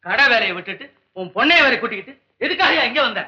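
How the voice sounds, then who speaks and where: An actor playing a pompous textile shop owner who blusters indignantly, in a 1960s film comedy. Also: male voice, very high-pitched, expressive, fast, pushed and bright, heavily acted. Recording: dull old film soundtrack.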